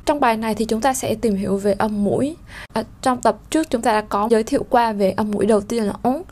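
A woman teaching French pronunciation, explaining slowly with fillers and sounding out vowels. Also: mid-range voice, a little mellow. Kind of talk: spoken lesson.

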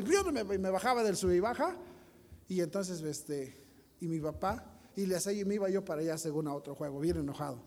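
High-voiced pastor preaching. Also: male voice, mellow, in a large hall. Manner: storytelling, addresses congregation directly. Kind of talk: sermon.

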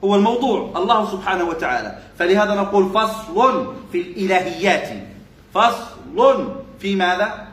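A high-pitched man teaches a religious text to a class. He repeats each phrase and keeps asking his listeners short questions. His voice rings in an echoey room. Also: expressive, normal speed, a bit bright.

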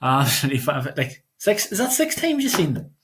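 Encouraging man, slightly high voice. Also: huge pitch swings, a little fast, a bit bright. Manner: encouraging, short backchannel replies. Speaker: interviewer. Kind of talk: casual interview chat.

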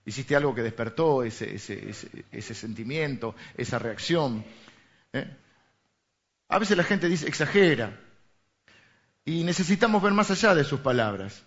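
A man's voice: medium pitch, lively intonation, unhurried, pauses often, a bit bright. A man with a Rioplatense Spanish accent, a pastor giving a sermon in a conversational way, full of rhetorical questions. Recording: dull lo-fi recording.

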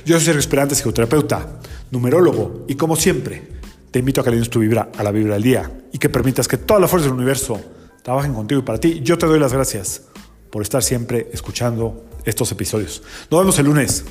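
A man talks calmly and unhurried, stretching out his key words. His mellow, warm voice rings through a heavy, cathedral-like echo with a long reverb tail. A faint bed of music sits under him. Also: medium pitch. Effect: heavy hall echo, like a cathedral. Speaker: psychotherapist and numerologist host. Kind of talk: daily numerology podcast monologue. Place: large echoing room.

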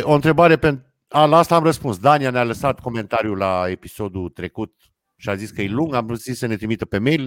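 A man's voice: mid-range voice, no room sound. A man hosting a podcast, reading listener comments aloud in casual chat with dry jokes.

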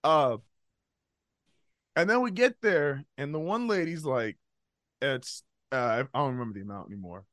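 A man on a podcast telling a story in casual chat, profane and animated, often laughing. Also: medium pitch, normal speed, long pauses, dry recording, clean studio sound. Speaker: podcast co-host.

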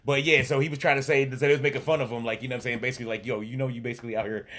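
A man's voice: mid-range voice, fairly even intonation, rapid-fire, a bit bright. Man, podcast co-host, casual storytelling, salty slang. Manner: laid-back storytelling, profane slang. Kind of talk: casual chat.

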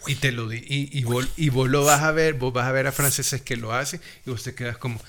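A man's voice: mid-range voice, steady tone, a little fast, a bit bright, slight background noise. A man with a Salvadoran accent in a casual podcast conversation, often backing others up with short agreeing sounds. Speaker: podcast co-host or guest.

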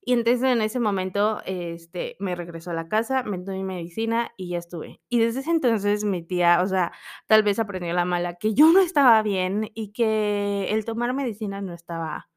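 Young woman, casual vlog talk, chatty storyteller, animated quotes. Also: medium pitch, normal speed, clean tone.

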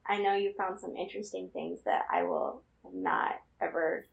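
A woman's voice: on the low side, big pitch swings, moderate pace, vocal fry, muffled recording. A young woman co-hosting a casual podcast, earnestly explaining animal facts with small laughs. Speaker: podcast co-host.

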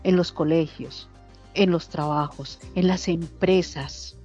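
A woman's voice: lowish voice, takes it slowly, muffled recording, faint music behind. A woman telling everyday stories in a casual group discussion, acting out other people's dialogue as she goes. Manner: lively storyteller who acts out quoted dialogue. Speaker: discussion participant.

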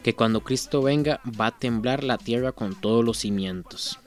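A reaction video host from Costa Rica, with a mid-range voice and a Costa Rican Spanish accent, speaks at normal speed. He reads out song lyrics and muses on them casually and sincerely, often backing up to restart.

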